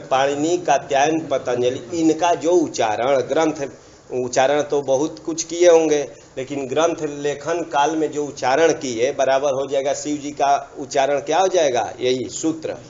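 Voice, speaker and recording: A man teaches a grammar lesson in a fairly high voice. He repeats key terms and keeps reminding the listener to pay attention. The recording is dull and lo-fi. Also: a little mellow, a little hiss or hum. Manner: repetitive, checks understanding with asides.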